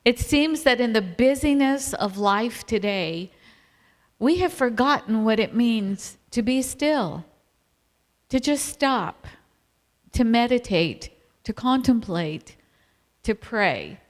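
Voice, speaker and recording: A woman's voice: on the high side, animated, slow. A middle-aged woman, telling stories and laughing often as she co-presents a family ministry talk. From Virginia, USA. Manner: warm storytelling, laughs often. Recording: reverberant hall.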